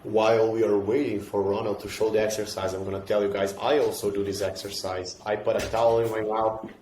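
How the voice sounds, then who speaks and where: A man's voice: fairly low pitch, flat delivery, fairly quick, reverberant, noisy background. A man with a Brazilian accent explaining fitness ideas casually and emphatically, often repeating himself and asking rhetorical questions.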